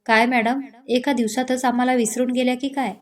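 A woman's voice: on the high side, level tone, fairly quick, close to an everyday voice. A woman voicing a teasing, outspoken young woman who is a loyal friend, in a storybook reading. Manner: playful then indignant.

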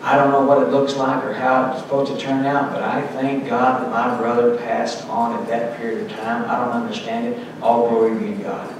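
A man's voice: medium pitch, little pitch movement, a little fast, hardly any pauses, noisy background. A middle-aged man preaching a sermon at a pulpit, earnestly reading scripture aloud with emphasis. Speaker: pastor. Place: church sanctuary, indoors, at a pulpit. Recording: echoey church from far off.

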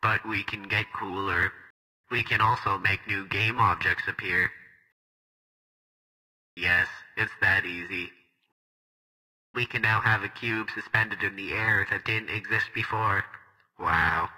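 A man voices a boastful, cheerful male robot guide for a scripted demo narration, using a robotic voice effect and a grandiose, self-praising announcer style. His lowish voice is steady yet sharp, slow with frequent pauses, a full character performance captured in a rough recording.

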